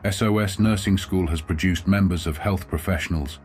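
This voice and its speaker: A man reading a documentary voice-over in a measured, formal way. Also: sits low, fairly even intonation, a little mellow, soft background music. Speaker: documentary narrator. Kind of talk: scripted voice-over narration.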